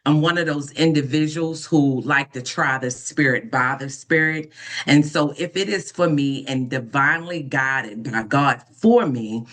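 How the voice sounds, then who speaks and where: A woman in her fifties from Baltimore, an ordained minister, telling her life story in an interview in an earnest, unhurried way with frequent pauses and soft fillers. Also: low-pitched. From Baltimore, United States. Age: 50s. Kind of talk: reflective personal storytelling in an interview.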